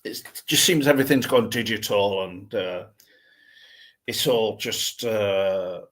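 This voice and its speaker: Husky, low-voiced man, rambling thoughtfully. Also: takes it slowly, fairly bright tone. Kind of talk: casual chat.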